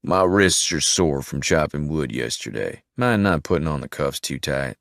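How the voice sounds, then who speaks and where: A man voicing a slow, heavy-set rural nephew who talks in a drawling, deferential way. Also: a bass voice, expressive, creaky, a bit bright, dry recording, studio quality, exaggerated voice. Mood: meek.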